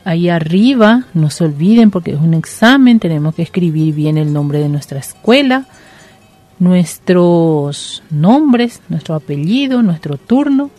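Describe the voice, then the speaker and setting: Slow, patient woman teacher explaining a lesson. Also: lowish voice, expressive, dark tone, faint music behind. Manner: patient, coaxing, repeats "¿sí?" and "entonces". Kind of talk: slow classroom lesson with a read-aloud story.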